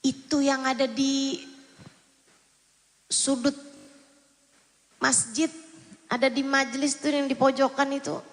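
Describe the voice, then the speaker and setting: A woman's voice: sits high, level tone, slow pace, pauses often. Woman voicing a frightened pleading young man. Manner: pleading, anxious. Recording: long hall reverb.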